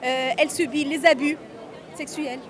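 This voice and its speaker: This undocumented migrant, a Tunisian woman in her 40s, speaks at a moderate pace in a high voice with fairly even intonation. Interviewed at a street march, she's earnest and often restarts or repeats words, while crowd noise fills the outdoor air.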